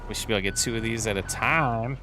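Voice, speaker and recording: A man's voice: on the low side, fast. A man streaming a farming game, chatting casually with his audience and rambling through answers to chat questions. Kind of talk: casual live-stream chat while gaming. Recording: faint game vehicle noise behind.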